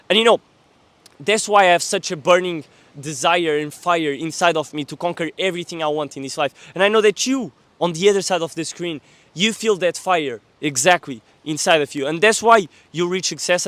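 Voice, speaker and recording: Man in his 20s with a high-ish, dry voice; fierce, earnest motivational vlogger who swears casually. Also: a bit bright, dry recording. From Portugal. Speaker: young entrepreneur, vlogger. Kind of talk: motivational monologue to camera.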